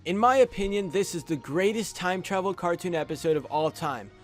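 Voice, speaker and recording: This young adult video host has a high voice with lively intonation and a brisk pace. Working through a scripted top-five countdown, he speaks into a close USB studio microphone over faint music.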